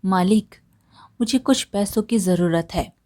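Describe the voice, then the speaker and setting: A woman's voice: mid-range voice, unhurried, mellow, natural voice. A woman voicing a poor, humble male farm laborer who begs his master for help in a storybook tale. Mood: pleading. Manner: pleading, humble.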